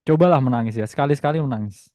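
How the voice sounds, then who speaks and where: A man's voice: mid-range voice, racing, a little mellow, no echo. A young man with an Indonesian accent hosts an online trading webinar in a casual, teasing way, reading the chat aloud and tagging his lines with "ya". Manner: chatty, teasing, reads chat aloud, many tag "ya". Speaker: webinar host and trading teacher.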